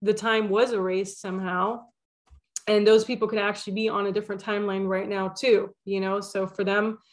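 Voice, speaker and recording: A woman's voice: medium pitch, flat delivery, normal speed. A young woman hosting a spiritual channel, talking alone in a loose, rambling way with lots of fillers and restarts. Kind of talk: casual monologue.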